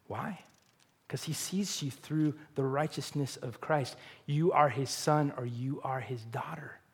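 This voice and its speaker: A man preaching a sermon in a casual, animated way, full of fillers and rising at times to near shouts. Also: fairly high pitch, slightly rough.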